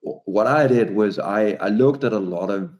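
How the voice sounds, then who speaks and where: A man in his forties, a native Danish speaker who is an author and speaker, talks about his book in casual conversation, hesitating and restarting. His lowish voice is a little mellow at a moderate pace.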